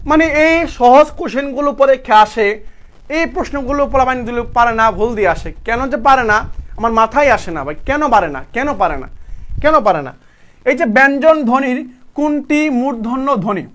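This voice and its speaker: A young man teaching a live exam-prep class, repeating points and quizzing students with quick questions in a casual, brotherly way. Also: extremely high pitch, expressive, a bit bright. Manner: repetitive, drilling students with quick questions and answers; colloquial, addresses students as brother.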